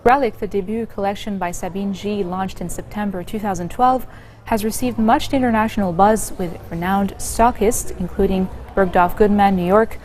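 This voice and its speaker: A woman news anchor reading scripted bulletins in a steady, measured way. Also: medium pitch, slight background noise.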